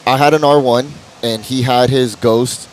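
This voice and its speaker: A man's voice: medium pitch, steady tone, measured pace, a little hiss or hum, poor audio. Laid-back man guest at a race. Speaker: guest, racer. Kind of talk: casual interview chat.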